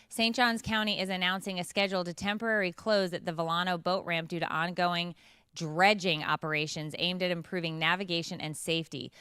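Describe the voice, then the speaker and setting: Bright, crisp-voiced morning show woman. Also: on the low side, dry recording, studio quality. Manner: upbeat, joking asides while reading. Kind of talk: casual chat, reading news segments.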